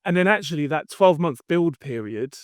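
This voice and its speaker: Man, slightly high voice, smooth and clear, dry close sound, explanatory interview talk with fillers. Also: lively intonation, a little fast, no echo. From London. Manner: thoughtful, explanatory, with frequent fillers. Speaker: podcast guest, company founder. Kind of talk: conversational interview answers.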